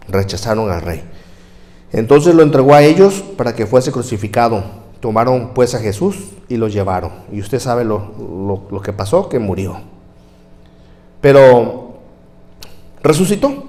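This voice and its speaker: Brief: male pastor, dramatic scripture reading in church, shouts and hushed asides, mid-pitched voice. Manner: acts out voices in the verses, shouting crowd lines and dropping to near whispers.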